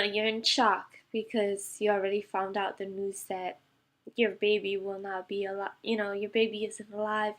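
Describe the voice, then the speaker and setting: A young woman vlogger telling a painful personal story to camera, halting with many fillers and emotional at times. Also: mid-range voice.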